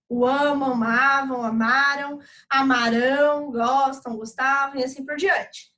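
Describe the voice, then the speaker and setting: Recorded roughly, this high-pitched, slightly bright female voice belongs to a Brazilian teacher. In her Brazilian Portuguese accent she delivers a recorded online lesson, explaining each step and frequently tossing in tag questions to check on students.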